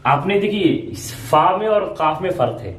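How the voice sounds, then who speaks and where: A man's voice: high voice, lively intonation, moderate pace, fairly bright tone, distant mic, a little hiss or hum. A man teaching the Arabic alphabet to beginners, explaining each letter patiently and step by step, with plenty of repetition. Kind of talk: beginner alphabet lesson at a board. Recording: roomy echo, speaker away from mic.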